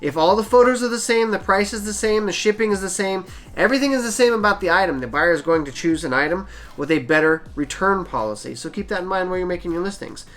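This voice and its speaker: This eBay seller speaks quickly in a high, expressive, fairly bright voice on his own channel. His talk to camera is a casual how-to, offering plain, practical tips on selling.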